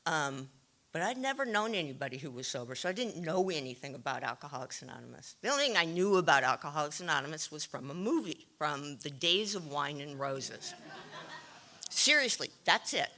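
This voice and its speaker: Woman, candid recovery speaker, dry humor, bright tense voice. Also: deep voice, animated, a little fast. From California. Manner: wry, self-deprecating, frequent ums. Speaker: AA speaker sharing her story. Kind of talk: recovery share, candid storytelling.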